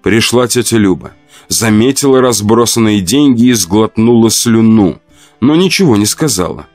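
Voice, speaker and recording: A man reading a first-person horror story aloud, expressive and dramatic. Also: fairly low pitch, moderate pace, no room sound, soft background music. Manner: expressive, acts out shouts and laments. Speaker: audiobook narrator.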